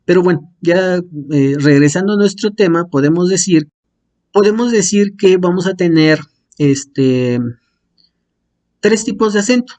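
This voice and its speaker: Male teacher; warm, mellow tone, fairly high pitch; hesitant, filler-heavy delivery with everyday comparisons. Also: a little slow. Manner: hesitant, many fillers and restarts; uses homely comparisons. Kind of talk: explaining Greek accents to a class.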